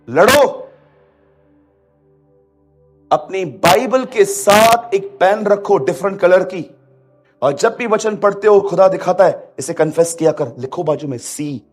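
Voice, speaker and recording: A man preaching a fiery, exhorting sermon, shifting between quiet warnings and loud calls to rise up. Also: sits high. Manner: fiery, exhorting, mixes English into Hindi. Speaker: pastor.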